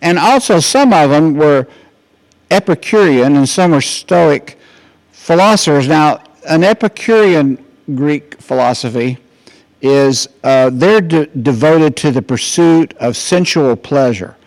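A man's voice: a little high, lively intonation, takes it slowly. An older man giving an informal, rambling sermon full of anecdotes and restarts. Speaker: preacher.

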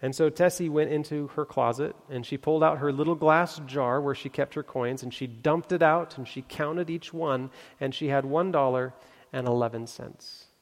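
A man preaching a sermon, reading scripture and telling a story in an earnest, building way with pauses for emphasis. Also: fairly high pitch. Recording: long hall reverb.

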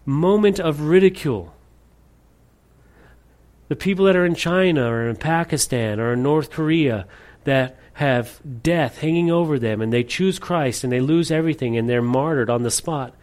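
A man preaching a sermon as a pastor, earnest, moving between emphatic lines and hushed asides. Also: fairly high pitch.

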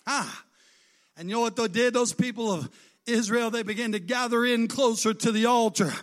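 A man's voice: very high voice, moderate pace. A man preaching a fervent sermon, retelling a scripture story with dialogue and lifting into chanted, sung cadences at its peaks. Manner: retells scripture with dialogue, rising to shouted climaxes.

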